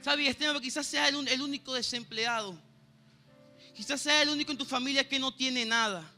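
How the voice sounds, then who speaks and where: A man's voice: extremely high pitch, brisk, sharp tone, faint music behind. A man with a Venezuelan Spanish accent preaching a sermon and sharing a personal testimony, earnestly and often stopping to ask his listeners if they know. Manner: earnest, keeps asking "¿sabe, hermano?". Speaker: church pianist preaching.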